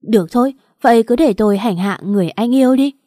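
A woman's voice: medium pitch, expressive, moderate pace, a little mellow, no room sound, clean studio sound, lightly acted. A woman voicing a spiteful, cruel young sister-in-law in a narrated story, mocking and taunting. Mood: furious.

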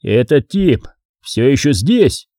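A man reading an audiobook voices a cold, calm, ironic mafia hunter. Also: a little high, moderate pace, dry recording, studio quality, voice pushed up.

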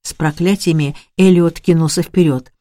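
A woman reading an audiobook in a measured storytelling manner, close to the mic. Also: low-pitched, steady tone, mellow, no room sound. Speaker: audiobook narrator.

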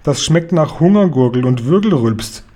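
A huge, good-natured giant from a storybook, talking in a higher, eager voice with his words tangled into odd twists. The folksy manner never drops. A man reads and voices him. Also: lively intonation, moderate pace, dark tone. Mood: earnest, excited. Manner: jumbled words, folksy and earnest. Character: huge kindly male giant who mangles words.

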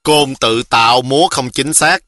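A man's voice: medium pitch, unhurried, sharp tone, slight background noise. A man voicing a boastful, cocky village boy, teasing and breezy.

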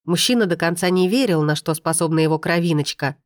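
Low-voiced woman narrating a novel. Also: quick pace, no room sound, studio quality. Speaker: audiobook narrator. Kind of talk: first-person novel narration.

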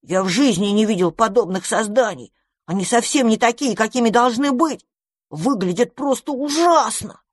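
A woman's voice: a little high, lively intonation, normal speed, no echo, clean studio sound, pitched above the performer's own voice. A woman voicing a young boy mouse who is jealous and fretful, talking in a grumbling way.

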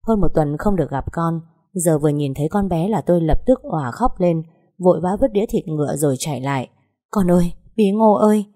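Casting: woman audiobook narrator, low-pitched, measured and sorrowful first-person telling. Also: animated, warm tone.

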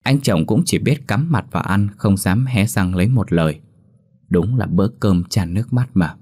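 A man narrating a ghost story in a steady, expressive storytelling manner. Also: lowish voice, normal speed, husky.

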